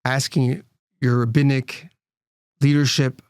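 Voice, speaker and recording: A man's voice: mid-range voice, little pitch movement, slow, a little mellow, smooth, dry recording, studio quality. A man, a rabbi and nonprofit leader, speaking as a guest, earnest and explanatory, often restarting his phrases. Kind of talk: interview conversation.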